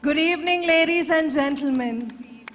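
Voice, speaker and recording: A woman's voice: high-pitched, a little slow, a bit bright, slight background noise. A young woman with a South Indian accent giving an emphatic, formal pageant answer like a public address. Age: young adult. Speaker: pageant contestant. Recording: long hall reverb from stage PA.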